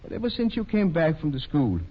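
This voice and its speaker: An actor playing a kindly, fatherly older small-town doctor in a 1930s radio drama, speaking a little hesitantly and gently reproving. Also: fairly high pitch, very animated, brisk, husky. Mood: reproving, earnest. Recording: muffled 1930s radio recording.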